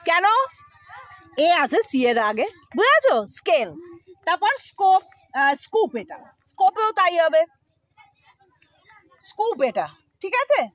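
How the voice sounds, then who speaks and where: A very high, light-voiced woman teaching a pronunciation lesson. She repeats each sound slowly and keeps asking her pupils to answer back. Her manner stays patient and coaxing. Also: very animated, a bit bright, no echo.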